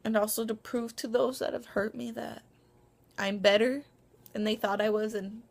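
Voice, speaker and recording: Young woman vlogger, slightly high voice with vocal fry, rambling and self-conscious, full of ums. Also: fairly even intonation, moderate pace. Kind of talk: casual vlog monologue. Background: dog barking.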